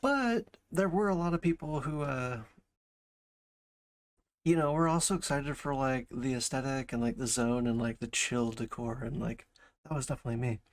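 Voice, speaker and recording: A man's voice: mid-range voice, moderate pace. A man chatting casually as a streamer reacting to a video, thinking aloud in broken, rambling phrases. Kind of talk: casual chat, reaction commentary.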